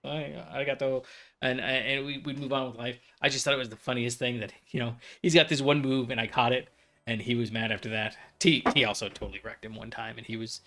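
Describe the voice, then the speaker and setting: A man's voice: medium pitch, fairly even intonation, fast talker, bright, forceful tone. A man hosting a let's play, chatting and rambling through stories while he plays. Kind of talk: casual gameplay commentary.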